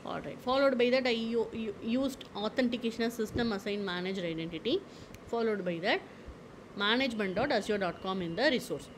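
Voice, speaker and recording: A woman presenting a screen-recorded software tutorial, explaining step by step with frequent fillers and repeated "okay"s. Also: mid-range voice, fairly quick, a little hiss or hum, rough recording.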